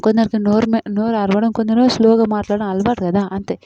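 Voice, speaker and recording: A woman's voice: mid-range voice, flat delivery, fairly quick, warm tone, highs cut off. A young woman, chatting casually as a YouTube reviewer about a reality show and retelling quarrels with quoted lines.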